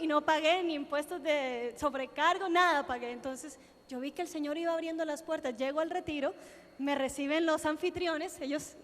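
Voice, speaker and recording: A woman from Colombia, giving a sermon testimony and acting out her own prayers and conversations as she tells them. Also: sits high. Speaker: preacher. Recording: long reverb of a large hall.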